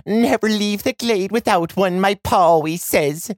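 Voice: mid-range voice, a little slow, no echo, clean studio sound, voice pushed up, lightly acted. A narrator voicing a polite, anxious young girl heroine in a fantasy storybook. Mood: relieved.

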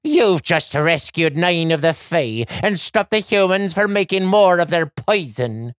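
A kindly elderly leprechaun woman from a fairy tale, soft and reassuring with a lilt, as a narrator plays her. Her voice moves expressively and stays dry and near. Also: mid-range voice, expressive, a little slow, no echo, voice pushed up, natural voice.

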